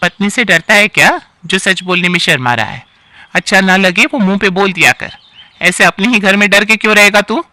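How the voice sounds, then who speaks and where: A man voicing a sharp-tongued, bossy elderly aunt-in-law in a storybook tale, scolding and sighing complaints. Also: high voice, normal speed, no room sound. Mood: scornful. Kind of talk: storybook character acting.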